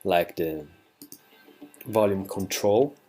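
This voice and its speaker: Over background music, a low-pitched plugin developer demonstrates his software in an unscripted screencast. He talks slowly and haltingly, correcting himself as he goes, with phrasing that's slightly non-native.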